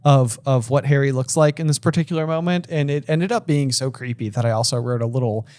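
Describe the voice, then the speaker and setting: A man's voice: mid-range voice, brisk, a little mellow, no room sound. A man co-hosting a casual book-discussion podcast, rambling and filling his talk with "like" and restarts. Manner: rambling, heavy use of "like", restarts. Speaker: podcast co-host.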